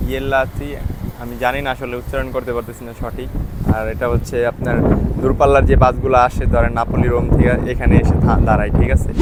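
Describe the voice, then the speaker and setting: Fast-talking man vlogging outdoors on the go. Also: medium pitch, heavy background noise. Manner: speaks softly and slowly because he is tired; keeps checking with "ঠিক আছে?". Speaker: travel vlogger. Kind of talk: walking travel vlog. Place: outdoors on hilltop town streets.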